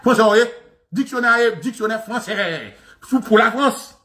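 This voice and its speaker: A Haitian man with a fairly high voice gives an impassioned commentary. He mocks, repeats himself and laughs as he goes, in a lively, hard-pushing delivery. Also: unhurried. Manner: animated, mocking, repetitive, laughing. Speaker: show host.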